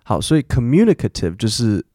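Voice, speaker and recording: A man's voice: mid-range voice, big pitch swings, fairly quick, warm tone, no room sound, studio quality. A man, hosting a casual podcast lesson and explaining English words in a chatty way full of fillers. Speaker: podcast host and English teacher.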